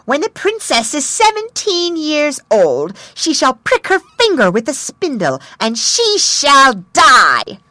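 A spiteful old fairy, as a woman reads her, pronounces a curse in a raised, strained voice, stretching the final words out slowly. The recording is close and dry. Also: high-pitched, wildly swooping pitch, pushed and bright, no echo, pitched above the performer's own voice, exaggerated voice. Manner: menacing, drawn-out threat. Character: spiteful old female fairy cursing a baby.

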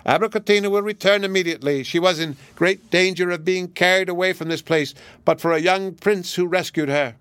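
A man voicing a prince who fakes a parrot's voice, high and chirpy in an eager storybook reading. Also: a little fast, hardly any pauses, fairly bright tone, clean tone, no room sound. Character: prince mimicking a chattering parrot.

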